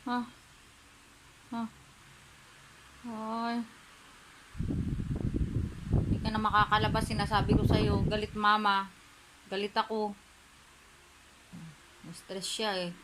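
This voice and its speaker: A woman vlogging at home, scolding and teasing her pet with repeated sharp questions. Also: medium pitch, level tone, slow pace, pauses often, very noisy. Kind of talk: casual home vlog, talking to a pet.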